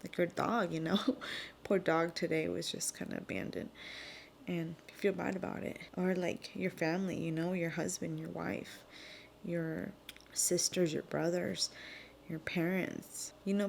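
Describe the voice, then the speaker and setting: A young woman and mother sharing earnest, heartfelt thoughts in a casual vlog, often dropping into a soft whisper. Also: fairly low pitch, steady tone, measured pace, vocal fry, a little hiss or hum. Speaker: vlogger and mother. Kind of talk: reflective casual vlog talk.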